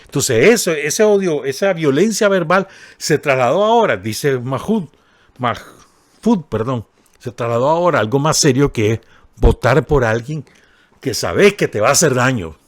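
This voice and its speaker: His intonation is lively, his voice mid-range and his pace normal, recorded with no echo. He's a Nicaraguan-accented radio commentator who casually reads and reacts to a column, looking for listeners' agreement and tossing in ironic asides.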